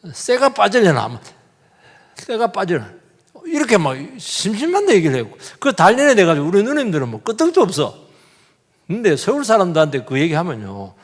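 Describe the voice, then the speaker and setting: A middle-aged male pastor, preaching an animated sermon and swinging between loud outbursts and hushed asides. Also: on the high side. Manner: animated, acts out quoted voices, shifts between loud and hushed. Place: church sanctuary. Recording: long church reverb.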